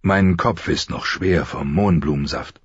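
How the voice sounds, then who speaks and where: A man voicing a wounded, weary lord who speaks quietly and gravely with icy politeness. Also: deep voice, a little slow, no room sound, dull audio.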